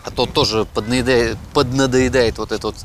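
A man's voice: medium pitch, steady tone, brisk, a little hiss or hum. A man in his thirties chatting casually outdoors in a park as a beer reviewer, often hesitating and searching for words. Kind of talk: casual tasting chat.

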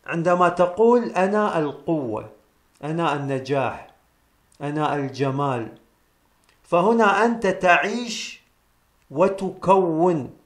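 A man gives a solemn metaphysical teaching in a somewhat high voice. He repeats his key phrases slowly for emphasis, and the sound rings around an echoey room. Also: animated. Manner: addresses listeners as brothers and sisters. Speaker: presenter of a spiritual self-help series.

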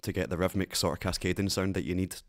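A man with a Glaswegian accent hosting a synth tutorial, talking in a relaxed, rambling way with plenty of fillers. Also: deep voice, fast talker. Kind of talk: casual tutorial talk.

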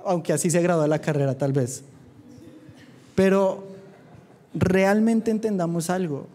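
A man preaching a sermon at a church youth meeting, fervent and dropping quick humorous asides. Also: high voice, mellow.

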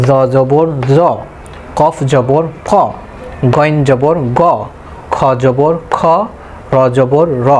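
A man with a Bangladeshi Bengali accent, his voice pitched a little high, teaches Quran pronunciation. He drills each letter slowly and patiently, repeating the same patterns again and again. A faint hiss runs under the recording. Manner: slow, drilling letter by letter with repetition. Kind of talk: tajweed lesson.

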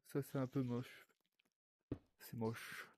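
A man's voice: medium pitch, flat delivery, slow, background noise. A young man, rambling casually to his viewers while playing a VR game, swearing often. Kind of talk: casual gaming commentary.

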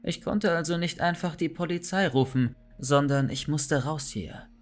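A man reading a scripted horror story aloud, tense and dramatic, breaking into shouts when his character calls out. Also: on the high side, moderate pace.

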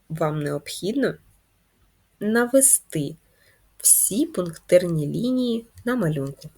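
A woman teaching first graders in a video lesson, speaking slowly and clearly in a sing-song way for young children. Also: mid-range voice, darkish tone. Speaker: primary school teacher.

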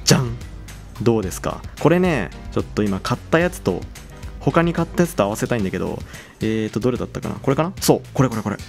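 Young guy hosting a game video, chatty and excitable, voice jumps up and down, faint music under him. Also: on the low side, quick pace, vocal fry. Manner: chatty, excitable, exclaims over items. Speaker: game channel host. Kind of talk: casual game commentary.

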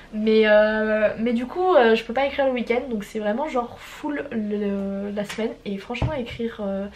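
A young woman in her twenties with a somewhat high voice and a stuffy nose. She talks in a loose, rambling vlog style, slangy and full of casual swearing. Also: a little mellow, a little hiss or hum. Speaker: writer vlogging her progress. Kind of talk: casual chat.

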